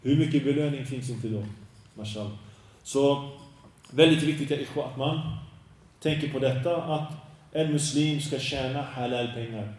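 A man giving a slow, deliberate religious lesson in Swedish, dropping Arabic phrases in as he teaches. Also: medium pitch, darkish tone. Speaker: preacher. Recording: very echoey room, voice from a distance.

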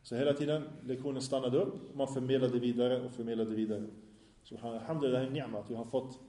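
A man's voice: mid-range voice, steady tone, dark tone, reverberant. A man teaching a religious lesson to a class in a small room, asking the students questions and then answering them himself. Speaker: Islamic teacher. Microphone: microphone in a small room.

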